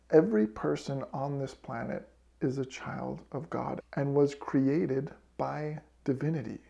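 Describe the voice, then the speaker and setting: Earnest gravelly man teaching scripture. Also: mid-range voice, mellow. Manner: earnest, reflective, reads quotes aloud. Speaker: scripture study podcast host. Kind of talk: devotional scripture lesson.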